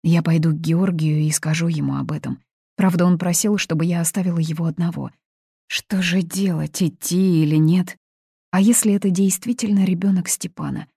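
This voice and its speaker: A woman's voice: steady tone, moderate pace, vocal fry, mellow, breathy edge, no room sound, clean studio sound. A woman reading aloud, voicing a young woman who is crying and pleading in distress. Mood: anxious. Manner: pleading, high-strung. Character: young woman, sobbing, desperate bride-to-be. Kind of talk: audiobook reading.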